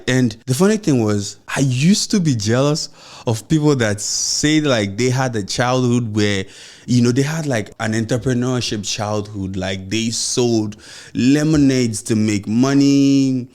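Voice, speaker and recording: A young adult man with a Nigerian accent and a mild stammer hosts a solo motivational podcast. His medium-pitched voice has a darkish tone, and he sounds earnest and encouraging, talking in loose run-on phrases full of "you know."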